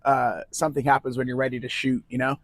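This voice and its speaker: A man's voice: medium pitch, little pitch movement, fast talker, dry recording. A man hosting a casual podcast chat outdoors, talking with a slight lisp and a mouth numb from the dentist. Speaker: podcast host. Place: outdoors on a waterfront boardwalk.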